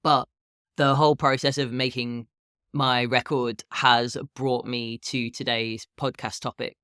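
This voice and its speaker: Smooth low morning voice, man in his thirties. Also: fairly bright tone, no echo, clean studio sound. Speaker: podcast host and health and fitness coach. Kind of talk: casual solo podcast talk.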